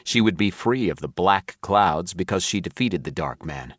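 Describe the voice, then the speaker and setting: Deep-voiced man narrating an audiobook. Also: lively intonation, moderate pace, a bit bright, dry recording, clean studio sound. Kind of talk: first-person audiobook narration.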